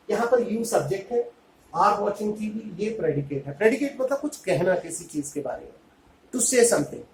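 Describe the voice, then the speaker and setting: A man teaching a grammar lesson, saying English phrases slowly and deliberately and then explaining them in Hindi. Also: sits high, slight background noise. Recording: echoey room.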